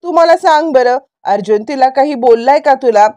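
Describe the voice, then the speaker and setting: A woman's voice: sits high, lively intonation, normal speed, darkish tone. A woman voicing a protective older woman of the household who presses with insistent, coaxing questions.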